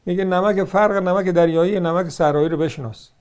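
Point after point gets rebutted by this high-pitched man with an Iranian Persian accent, whose voice is slightly mellow and fairly even in intonation. His religious commentary is argumentative and sarcastic, driven by rhetorical questions.

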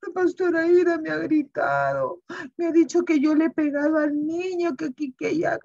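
A woman's voice: extremely high pitch, fairly even intonation, normal speed, creaky, a little mellow, highs cut off, voice pushed up. A woman voicing a young boy who keeps insisting he did nothing wrong. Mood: whining. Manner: insistent denials. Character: young boy, lying and defiant.

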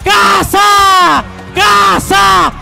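A man doing explosive live football goal commentary, shouting with drawn-out cries. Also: very high voice, steady tone, creaky, loud music behind the voice. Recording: crowd and ambient noise behind. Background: stadium crowd noise.

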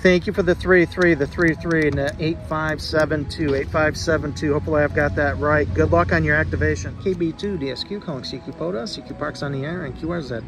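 A man's voice: on the high side, fairly even intonation, a little fast, hardly any pauses, noisy background. A man working as an amateur radio operator, repeating reports and spelling call signs in the phonetic alphabet. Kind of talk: amateur radio contact calling. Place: outdoor park radio activation.

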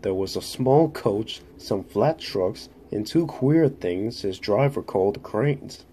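A man narrating a children's railway story in a measured, steady reading. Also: on the low side, a little hiss or hum.

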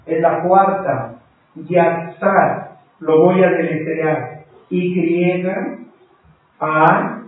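A man leads a Bible class at a very unhurried pace, spelling out each word letter by letter for his listeners. His voice sits a bit high for a man. It comes from well away from the mic, in a strongly echoing room, through a narrow, phone-like sound. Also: distant mic. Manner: slow and deliberate, spelling words out letter by letter; patient, addresses listeners as brothers. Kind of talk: live-streamed Bible class.

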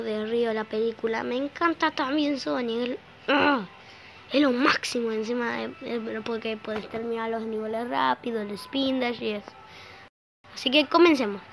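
A woman's voice: fairly high pitch, vocal fry, slight background noise, rough recording. A young woman with a Rosario accent from Argentina, rambling casually while playing a game, swearing offhandedly and coughing a little because she has just woken up. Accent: Argentine Spanish, Rosario. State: slight cough, just woke up. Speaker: gameplay streamer. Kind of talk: casual gameplay commentary. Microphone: phone recording app. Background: loud game music.

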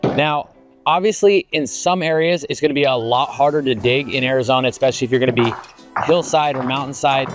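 A man's voice: medium pitch, fairly quick, faint music behind. A man in his thirties, a home builder, explaining basement construction step by step in an earnest, methodical way, recorded outdoors on a lapel mic. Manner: earnest, methodical, with filler words. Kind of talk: explanatory on-site walkthrough.

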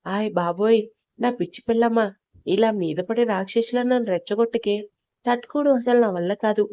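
A woman's voice: a little high, brisk, dark tone, dry recording, highs cut off, lightly acted. A woman voicing a young husband in an audio love story, teasing his wife with playful scolding.

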